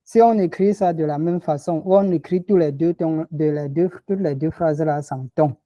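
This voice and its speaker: A man's voice: on the high side, moderate pace, warm tone, no room sound, dull audio. A man teaching a lesson, patiently explaining tones and repeating example words. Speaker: language teacher.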